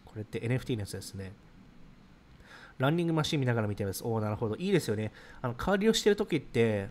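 Fast-talking man chatting on a livestream. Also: mid-range voice, a little mellow. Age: 30s. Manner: rapid, chatty, explains ideas while reacting to comments. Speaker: livestream host reading viewer comments. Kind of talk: casual livestream chat.

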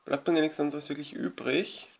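A gravelly, slightly higher-pitched man talks through a management game as a let's play host. His commentary is loose and rambling, with lots of hesitations and restarts. He comes across as eager and thankful toward his audience. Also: fairly even intonation, brisk. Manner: chatty, rambling, many fillers and restarts; grateful, eager. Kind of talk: casual gameplay commentary.

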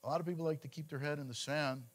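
A man's voice: on the high side, very fast. A middle-aged man preaching a sermon to his congregation in a conversational style, often repeating words as he goes. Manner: animated, conversational preaching with frequent repetitions. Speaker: congregation leader.

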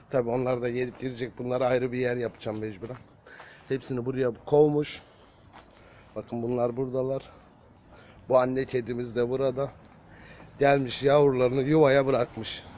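A man talking casually to viewers in a garden, gently coaxing cats. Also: medium pitch, flat delivery, moderate pace, pauses often, lo-fi sound, a little hiss or hum. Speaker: vlogger caring for stray kittens. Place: outdoor garden.

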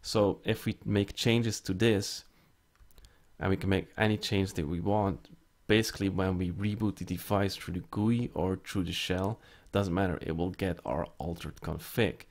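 A man's voice: low-pitched, fairly even intonation, moderate pace, a little mellow. A man giving a casual step-by-step screen-recorded tech tutorial, explaining as he types commands with frequent fillers. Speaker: network tutorial presenter.

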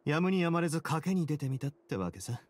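In a dry recording, a man with a rather high voice plays a composed and shrewd prison duke from an anime game. His explanations are calm, measured and confident.

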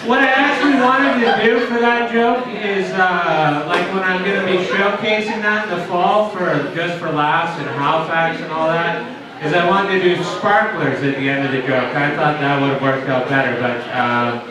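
A man in his thirties doing a stand-up set in a dark pub on a handheld mic, with slow, deadpan joke delivery and asides to the crowd. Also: on the high side. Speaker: stand-up comedian. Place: dark small pub stage with audience. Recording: echoey pub heard from far off. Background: audience chatter and laughter.

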